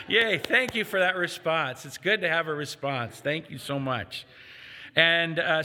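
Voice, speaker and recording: A man's voice: on the high side, bright, forceful tone. An older man preaching a sermon to a congregation, telling jokes and stories in a folksy way. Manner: folksy, joking storyteller addressing a congregation. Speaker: pastor. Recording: reverberant hall.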